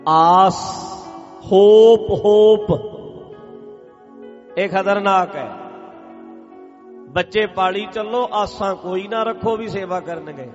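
A man with a fairly high voice preaches from a hall stage, pressing each point again and again and sliding into chanted verse. His voice echoes through the room on a dull, lo-fi recording. Music plays clearly behind him. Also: unhurried, pauses often, fairly bright tone. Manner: emphatic, repetitive, breaks into chant. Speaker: Sikh preacher. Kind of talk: sermon with sung scripture verses.

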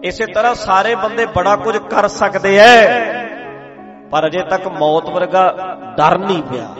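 Emphatic high-voiced male preacher. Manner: emphatic and humorous, swinging from loud to soft. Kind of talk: sermon. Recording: muffled with music behind.

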